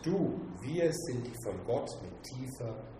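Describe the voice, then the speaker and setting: A male preacher delivers a sermon slowly and emphatically, speaking straight to the congregation. His voice rings through a very echoey church hall with clear room noise around it. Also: mid-range voice, lively intonation. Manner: slow, emphatic, addresses listeners directly.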